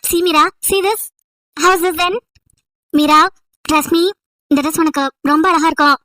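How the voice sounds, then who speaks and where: A voice actor doing a high young woman, coaxing. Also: fairly even intonation, slow, pushed and bright, no echo, full character voice. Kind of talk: comic voice acting.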